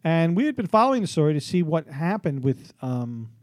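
A man's voice: on the high side, very animated, fairly quick, a little mellow, dry recording. A man hosts a radio show in loose, bantering talk, often repeating his own phrases.

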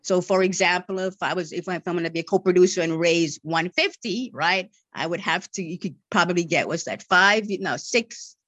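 A marketing and media relations director, appearing as a podcast guest, answers interview questions patiently while stuttering, repeating words and often adding "right?". Her voice is fairly low, a bit bright and fairly quick with hardly any pauses, with no echo.

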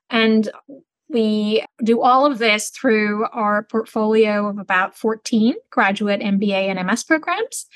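Answering an interviewer's questions, a business school dean from Turkey, a middle-aged woman, explains things in a measured and articulate way. Her voice sits in the mid range; the audio is poor, though there's no echo.

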